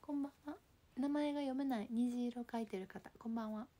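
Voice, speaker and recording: Young kansai woman streaming from home, calm soft voice, kinda breathy and mellow. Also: on the high side, fairly quick. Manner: soft, calm, often drops to a near whisper. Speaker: livestream host. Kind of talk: casual livestream chat reading viewer comments.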